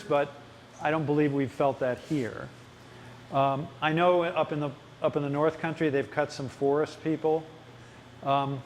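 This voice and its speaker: At a ward town hall, a city official with a medium-pitched voice answers residents' questions at length, with frequent fillers and restarts. The audio carries a little hiss or hum.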